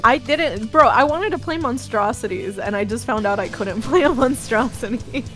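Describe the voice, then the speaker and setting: A woman talks in a loose, rambling way during a gaming stream, animated and quick to swear. Her voice sits mid-range, with faint music under her. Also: fairly high pitch. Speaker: friend co-hosting the stream. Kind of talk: casual chat.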